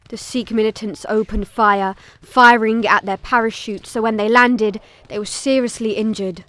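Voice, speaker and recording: A woman narrator gives a scripted first-person dramatic account, telling it in a solemn, measured way. Her voice is medium-pitched.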